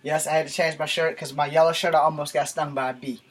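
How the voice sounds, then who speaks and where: A fast-talking American man in his forties, his voice on the high side with a level tone, rambles casually to camera in a small bedroom. He's a YouTube vlogger, and the camera sits a few feet away, making for a noisy home recording with clicks.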